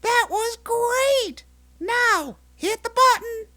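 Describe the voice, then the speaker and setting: A woman's voice: very high-pitched, expressive, slow pace, very noisy, full character voice. A woman voicing an encouraging, loyal studio assistant in a comic audio drama. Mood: eager.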